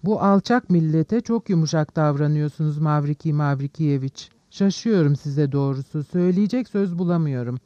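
A scornful middle-aged innkeeper scolds with indignation, as a man reads him aloud. His voice sits a little high and warm. The sound is dry and somewhat dull. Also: moderate pace, hardly any pauses, dry recording, natural voice. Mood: scolding.

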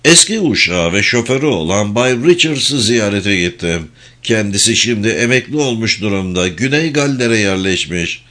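Man reading as steady, patient lawyer character in an audiobook, low voice, measured delivery. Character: calm, firm middle-aged male lawyer executor.

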